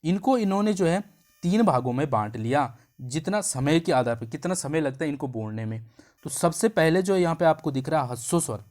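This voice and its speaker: A man teaching an exam-prep grammar lesson, explaining step by step, drawing out sounds to show them and checking in with quick questions. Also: on the high side, expressive, a little mellow. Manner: draws out vowel sounds to show their length.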